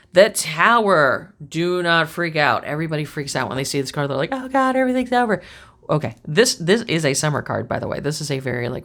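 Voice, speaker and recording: Woman, low voice, casual tarot reader, reassuring, repeats herself; talks straight to her viewers. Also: fairly bright tone. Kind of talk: casual tarot reading monologue.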